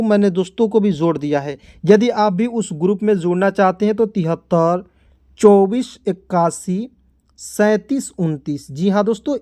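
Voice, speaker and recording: A man's voice: high voice, mellow, no room sound. A man teaching beginners to read English words, spelling them letter by letter and quizzing the listener over and over. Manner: repetitive, quizzing with "kya padhenge?" and "theek hai". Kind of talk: phonics lesson for beginners.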